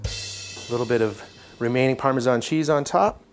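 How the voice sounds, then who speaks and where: A man's voice: mid-range voice, moderate pace, loud music behind the voice. A young man hosting a homemade cooking show, talking casually and joking as he walks through a recipe. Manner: laid-back, jokey, talks while cooking.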